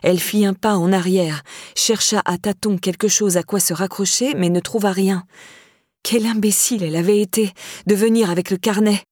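A woman narrating a novel aloud in a steady, measured storytelling voice. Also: medium pitch, no room sound, studio quality. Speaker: audiobook narrator.

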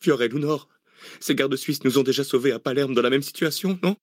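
A man's voice: medium pitch, fairly quick, no echo, pitched above the performer's own voice, natural voice. A man voicing a wounded, weary male researcher who groans and pleads, in a dry audiobook reading.

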